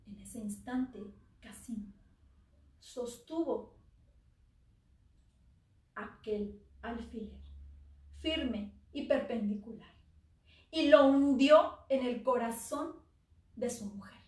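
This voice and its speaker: A woman storyteller tells a dark tale slowly, sinking at times to a hush. Her voice sits a little high and echoes through a theater from some way off the mic. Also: far from the mic. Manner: slow, dramatic, dropping to near-whispers. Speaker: oral storyteller. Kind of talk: dramatic live story narration. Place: theater stage.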